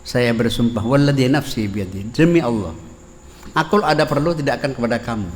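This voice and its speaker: A man's voice: medium pitch, brisk, voice pushed down, natural voice. A man voicing a pious male worshipper who solemnly swears oaths, in a reverberant hall with faint background noise. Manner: solemn, vowing.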